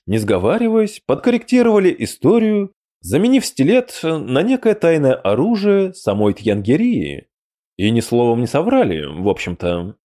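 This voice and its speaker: A man reading an audiobook as narrator, with an expressive storytelling delivery. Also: medium pitch. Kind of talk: scripted narration.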